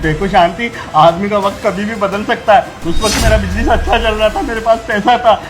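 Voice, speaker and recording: Guy doing a beaten-down begging husband, real high voice, music behind. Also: steady tone, fairly quick, natural voice. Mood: pleading. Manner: pleading, wailing. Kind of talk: melodramatic short-video acting.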